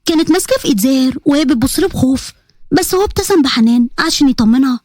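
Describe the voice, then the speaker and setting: A woman with an Egyptian accent narrating a story in a brisk, expressive reading. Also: high-pitched, dry recording, clean studio sound.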